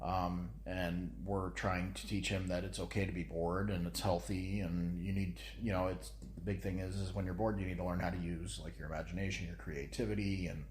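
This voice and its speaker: A man in his thirties co-hosts a casual parenting podcast as a father, his commanding voice carrying through an echoey room. He speaks low and level, fairly quickly with hardly any pauses, in a darkish tone over slight background noise.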